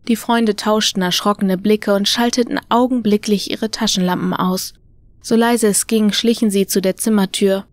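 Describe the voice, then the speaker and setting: A woman narrating a horror audiobook in a calm, even storytelling manner. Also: mid-range voice, normal speed, no room sound.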